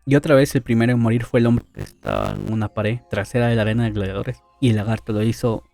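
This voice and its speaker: A man's voice: mid-range voice, fast talker, gravelly, mellow. A man narrating a light-novel story summary in a casual, conversational way, with asides and tag questions.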